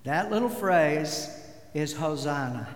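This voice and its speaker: A man preaching a sermon as pastor, slow and deliberate, leaning hard on key words. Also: on the high side, expressive. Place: church sanctuary. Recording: echoey hall with long reverb.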